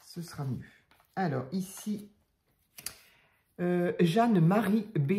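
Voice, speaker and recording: An older woman casually showing craft tags to her viewers, talking softly and chattily with many hesitations. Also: low-pitched. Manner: chatty, soft-spoken, hesitant with fillers. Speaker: craft channel host.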